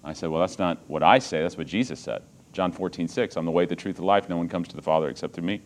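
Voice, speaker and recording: A middle-aged man from Texas, preaching a sermon as personal storytelling, earnest and moving from hushed lines to loud, emphatic ones. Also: sits low, fast talker.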